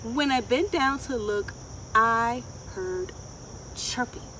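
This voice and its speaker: This children's storyteller, a middle-aged woman with a voice on the high side, reads a picture book to kids in an expressive, deliberate way and keeps posing questions to them. The recording comes from a wooded garden outdoors, with a distant mic picking up insect noise and open-air ambience.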